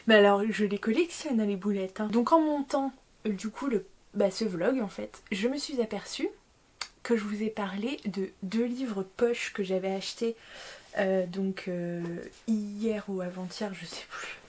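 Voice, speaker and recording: A young French woman talks casually to her viewers about her new books. Her chat is loose and self-mocking, packed with little fillers and restarts, and her pitch sits in the middle. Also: a little slow, a little mellow. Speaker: book vlogger.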